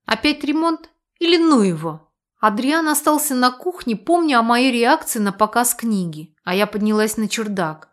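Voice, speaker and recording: Woman narrating an audiobook expressively. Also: fairly high pitch. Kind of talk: first-person audiobook narration.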